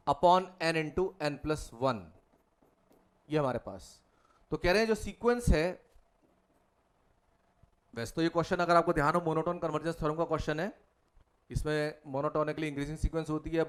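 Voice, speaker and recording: Man, maths tutor, fairly high voice, step-by-step board working. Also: clear, resonant tone. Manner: talks students step by step through working out each problem. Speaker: mathematics tutor. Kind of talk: whiteboard problem-solving lecture.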